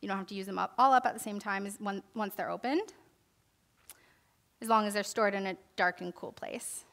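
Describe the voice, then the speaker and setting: A young woman leads a relaxed herbalism session from a church hall stage in a large indoor space, reading notes and then showing techniques, stumbling through many fillers and restarts. Her mid-range voice is brisk, gravelly and fairly bright.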